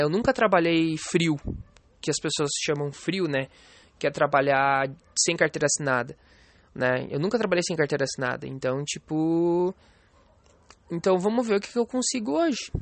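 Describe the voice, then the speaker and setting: High-voiced blunt man. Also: dry recording. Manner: blunt, profane, rambling, fillers like "entendeu?". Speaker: vlogger. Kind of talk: casual monologue.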